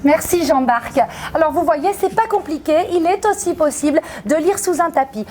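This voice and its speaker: A woman's voice: sits high, normal speed, a little mellow. A woman performing a theatrical comic sketch on stage, with a mock-pompous, exaggerated delivery. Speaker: comedian in a stage duo. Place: stage at a book fair.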